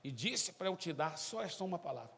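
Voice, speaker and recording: A man's voice: a little high, big pitch swings, brisk, vocal fry, a bit bright, breathy edge, long reverb tail, full character voice. A man voicing a timid, simple young male believer who speaks hesitantly, then boldly.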